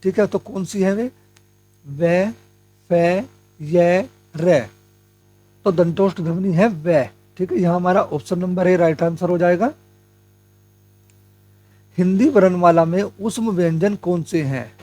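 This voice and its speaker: A man's voice: sits high, slow pace, pauses often, mellow, faint music behind. A young man teaching Hindi grammar for an exam, addressing viewers as friends and explaining step by step, asking questions and answering them himself. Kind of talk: exam-prep lesson.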